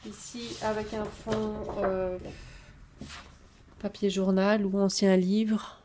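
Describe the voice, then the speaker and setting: A woman showing off her scrapbooking purchases in a casual haul video, talking slowly and hesitantly with many fillers. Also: medium pitch, level tone, background noise.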